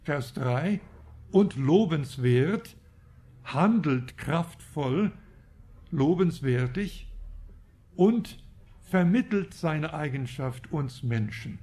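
A man's voice: on the high side, expressive, extremely slow, long pauses, mellow. A man preaching a Bible teaching sermon, reflective and asking rhetorical questions.

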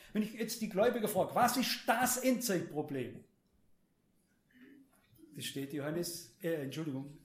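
A man's voice: high voice, darkish tone. A man preaching a sermon with emphasis, speaking straight to his listeners and often repeating words. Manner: emphatic, addresses the audience directly, repeats words. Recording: roomy echo.

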